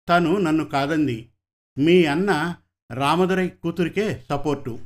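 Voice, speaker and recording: Guy reading as a hurt young son pouring his heart out, earnest, storybook, kinda high voice. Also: natural voice.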